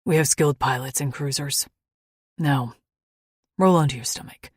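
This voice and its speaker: A woman's voice: low-pitched, moderate pace, slightly rough, no room sound, studio quality. A woman voicing a stern, blunt male alien warrior who speaks in clipped, formal sentences. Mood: gruff, protective. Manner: clipped, formal speech without contractions.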